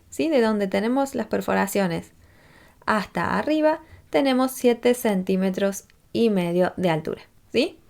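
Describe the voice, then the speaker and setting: Patient woman teaching crochet, slight fry. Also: medium pitch, darkish tone. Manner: patient, checks in with a frequent "¿sí?"; counts stitches and rows aloud. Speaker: crochet instructor. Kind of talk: step-by-step craft tutorial.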